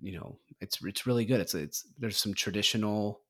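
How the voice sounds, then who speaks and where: A man's voice: on the low side, normal speed, a bit bright, breathy edge, no echo, studio quality. A man hosting a podcast, talking casually with a hesitant, filler-heavy, easygoing delivery. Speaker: podcast host. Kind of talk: casual chat.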